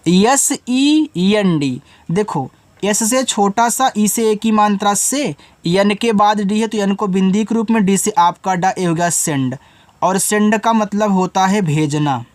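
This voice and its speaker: A teacher walks through English words letter by letter, stretching the spelling slowly before explaining it. The teacher keeps asking the students questions along the way. The recording is dry and close, with no room sound. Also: medium pitch, no echo.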